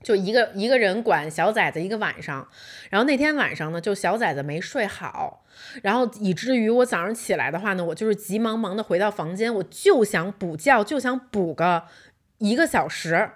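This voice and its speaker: A woman in her thirties, a podcast co-host, telling a personal story in casual chat, animated and laughing often, with English words mixed in. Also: medium pitch, normal speed.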